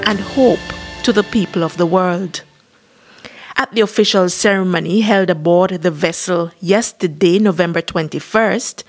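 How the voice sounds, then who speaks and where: A woman reporter reads a scripted news voice-over in a mid-range voice. Music plays clearly underneath. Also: medium pitch.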